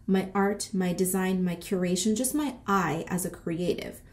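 Here a boutique owner and vlogger in her thirties sounds lowish, talking at normal speed. She's congested and somewhat out of breath with a cold while chatting in a sassy, animated vlog manner, heavy on slang and swearing, inside a small decorated room.

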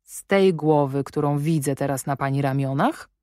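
A woman reading an audiobook, voicing a stern and commanding gentleman who speaks in a probing, sardonic way. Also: sits low, moderate pace, no room sound, studio quality, close to an everyday voice. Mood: imperious.

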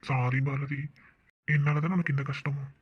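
A devoted young man, voiced by a man with a husky, breathy tone, coaxing his bride-to-be to stop crying in this cartoon. The recording sounds dull and lo-fi. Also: medium pitch, level tone, normal speed. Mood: loving. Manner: affectionate teasing, coaxing. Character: devoted young man fiancé, teasing and caring. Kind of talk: cartoon voice acting.

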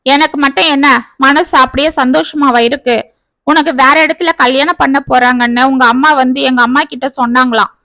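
A woman putting on a jobless young graduate from a storybook, defensive and pleading. The voice stays bright and high, recorded dry and close. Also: steady tone, fairly quick, no echo. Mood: hurt. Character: idle young man, educated and jobless, defensive. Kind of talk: storybook reading.

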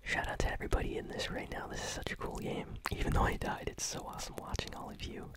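A gaming channel host whispering ASMR commentary while chewing gum and reacting excitedly to a match. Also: fast. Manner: whispering throughout.

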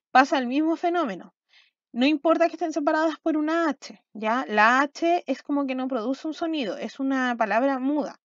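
A woman's voice: high voice, dry recording. A woman, a schoolteacher giving a recorded video lesson, explaining patiently and often checking understanding with short questions. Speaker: school language teacher. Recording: dull, slightly lo-fi sound.

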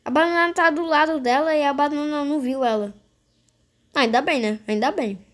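Female gaming host, notably high-pitched, casual play-by-play aimed straight at viewers, repetitive phrasing. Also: brisk, a bit bright. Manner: repetitive, addresses viewers directly. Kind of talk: casual game commentary.

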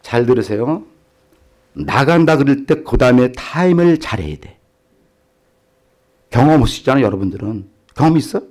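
A middle-aged male pastor telling a story in a sermon, acting out the voices in it and putting questions to the congregation. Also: medium pitch. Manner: animated, acts out quoted voices, asks the congregation questions.

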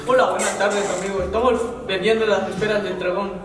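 A man's voice: high voice, steady tone, fairly quick, close to an everyday voice. Man as a distant, echoey door-to-door seller. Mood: polite. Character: persistent, polite door-to-door seller in comedy sketch. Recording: very echoey hall, distant, loud music.

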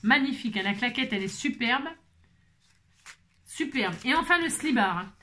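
A woman craft vlogger with a high, bright, forceful voice chats casually at a normal speed with lively intonation, over slight background noise. Bubbly and playful, she constantly adds "hein" to her sentences and breaks into snippets of song.

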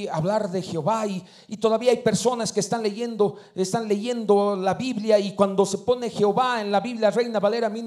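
A man preaching a sermon in a high, bright-pitched voice. He surges to loud emphatic peaks, then drops to near-whispered asides, and keeps punctuating with amen. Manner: preaching with rising bursts and hushed drops, frequent amen. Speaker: pastor.

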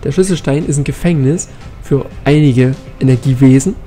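A man giving casual let's play commentary, thinking aloud quickly as he plays. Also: medium pitch, mellow, faint music behind.

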